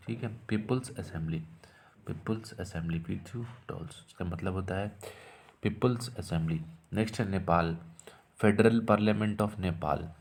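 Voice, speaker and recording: A man teaching an exam-prep lesson, asking questions and answering them himself, repeating key terms to drill them in. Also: low-pitched.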